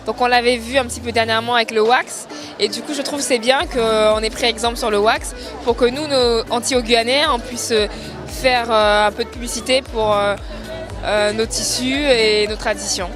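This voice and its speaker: A woman's voice: on the high side, fairly even intonation, normal speed, over music, crowd noise. A woman from French Guiana, interviewed at a fashion show, speaking proudly and measuredly with some fillers. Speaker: show participant.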